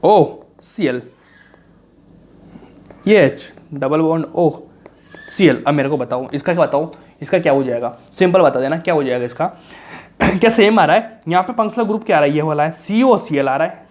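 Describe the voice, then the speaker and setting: Young male tutor, rapid casual lecture, asks and answers his own questions, slightly high voice. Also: lively intonation, a little mellow. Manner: rhetorical questions answered himself; colloquial, reassuring, calls students bhaiya and raja. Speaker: chemistry teacher. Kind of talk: casual exam-prep lecture.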